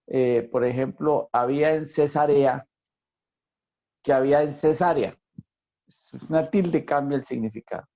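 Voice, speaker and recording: A man's voice: mid-range voice, creaky, warm tone, lo-fi sound. A man tutoring a Bible class, who repeats phrases for emphasis and quizzes his students. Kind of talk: teaching a Bible lesson to a class.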